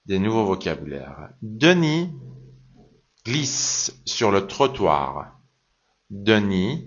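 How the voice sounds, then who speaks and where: During a live online vocabulary class, a man who teaches French explains things in casual Persian, blending in French and English phrases. He slowly and carefully repeats each phrase so students can practice pronunciation. His voice is lowish, and the sound is lo-fi.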